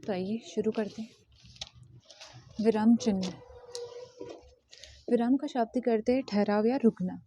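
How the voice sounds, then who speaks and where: A woman teacher explaining a grammar lesson step by step, often pausing to repeat terms. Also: on the high side, mellow, slight background noise. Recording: dull lo-fi sound.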